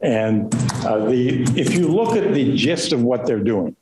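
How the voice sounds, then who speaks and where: A man with a mid-range voice argues formally as counsel. He pauses and hedges deferentially, and the room is echoey with faint noise behind him. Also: medium pitch, animated. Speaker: lawyer arguing before court. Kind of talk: formal oral argument. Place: indoor courtroom.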